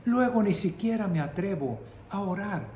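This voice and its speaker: A middle-aged man preaching an impassioned sermon that builds to shouting. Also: high voice, lively intonation, normal speed, a little hiss or hum. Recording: roomy echoing room.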